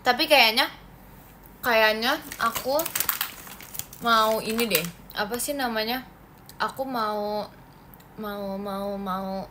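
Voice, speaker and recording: A woman's voice: fairly high pitch, slow, long pauses, background noise. A young woman from Indonesia hosting a casual phone livestream, chatting with viewers, answering comments and laughing often. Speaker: idol livestream host.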